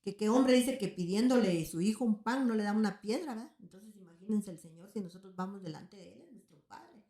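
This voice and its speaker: A woman's voice: medium pitch, brisk, few pauses, mellow. Earnest woman preaching in an echoey room. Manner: earnest, keeps asking "right?" of her listeners. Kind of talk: sermon-like teaching. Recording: roomy echo.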